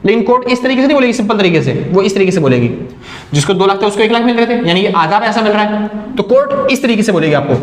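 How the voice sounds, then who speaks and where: Male accounting teacher, higher voice, quizzes himself step by step, roomy echo. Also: lively intonation, quick pace. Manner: explains step by step, asks and answers his own questions. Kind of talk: accounting lecture.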